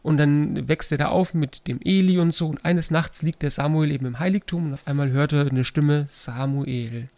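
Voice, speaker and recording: Young male pastor, relaxed storyteller, dry close mic. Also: on the high side, brisk, hardly any pauses, no echo. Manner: relaxed storyteller, acts out voices in retellings. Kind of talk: casual faith podcast chat.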